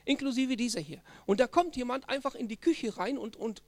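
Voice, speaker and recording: A male pastor delivers a sermon in an emphatic, direct way, checking in with the congregation through short tag questions. His voice has a gravelly, creaky edge. The close, dry recording carries almost no room sound. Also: very high voice, a little fast, no room sound.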